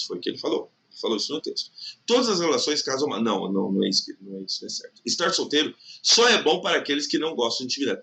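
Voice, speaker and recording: A man teaching an exam prep lesson in Brazilian Portuguese, chatty and checking in with the listener often, stretching words out slowly to show the stressed syllable. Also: medium pitch, fairly bright tone. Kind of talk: recorded online lesson.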